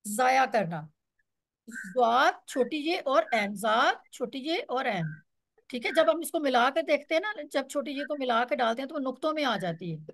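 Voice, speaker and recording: A woman's voice: high-pitched, a bit bright, no room sound, studio quality. A woman teaching a class, explaining step by step and repeating words so students can follow. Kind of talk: online Quran Arabic class.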